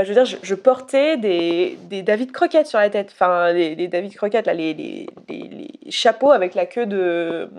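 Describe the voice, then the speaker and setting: A young woman from Haute-Savoie chats straight to camera in a relaxed vlog. She talks candidly and loosely, restarting sentences and leaning on fillers. Her voice sits in an ordinary middle pitch. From Haute-Savoie, France. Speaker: YouTuber. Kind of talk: casual vlog monologue.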